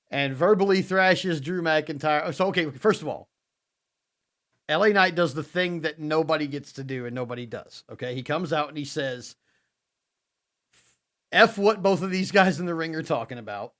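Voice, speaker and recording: A man co-hosting a wrestling podcast, retelling the week's shows in a casual, animated way and acting out what the wrestlers said. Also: on the high side. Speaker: podcast co-host.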